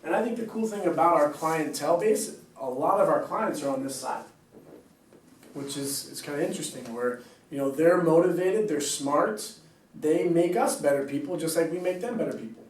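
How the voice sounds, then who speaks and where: A man's voice: a little high, moderate pace. A man, a personal trainer, chatting casually and rambling to his staff with easy laughs. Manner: rambling, upbeat, laughs easily. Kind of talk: casual chat. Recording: echoey room, mic far off.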